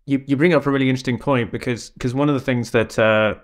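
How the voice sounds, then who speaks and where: A man hosting a theatre company podcast, reading a measured introduction and asking interview questions. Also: mid-range voice, steady tone, no room sound, studio quality. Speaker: podcast host, theatre director.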